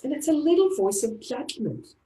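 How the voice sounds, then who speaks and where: Australian woman calmly guiding a tapping session. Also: sits high, normal speed. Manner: calm, repetitive affirmation-style phrasing. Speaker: EFT tapping practitioner. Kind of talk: guided group tapping session. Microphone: online video call. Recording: roomy echo.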